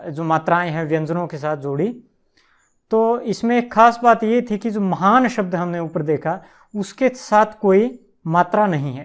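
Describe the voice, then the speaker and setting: A man teaching a Sanskrit lesson, sounding out letters and syllables one at a time in a patient way. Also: high voice. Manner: very slow, spelling out sounds patiently.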